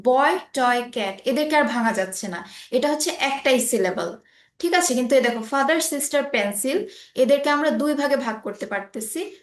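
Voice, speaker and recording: Woman teacher, high voice, patient and keeps checking in, echoey room sound. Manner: patient, often checking understanding. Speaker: English teacher. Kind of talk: online class explaining English grammar. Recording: roomy echo.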